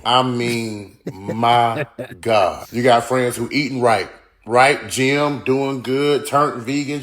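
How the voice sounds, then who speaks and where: A man in his forties giving a monologue in an online video clip, emphatic and preachy and swearing freely. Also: mid-range voice. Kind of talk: social media monologue.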